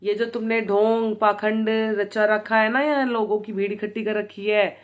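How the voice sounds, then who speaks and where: A woman's voice: fairly low pitch, flat delivery, unhurried, dull audio, lightly acted. A woman doing an arrogant, blustering male politician. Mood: angry boastful. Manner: blustering, threatening.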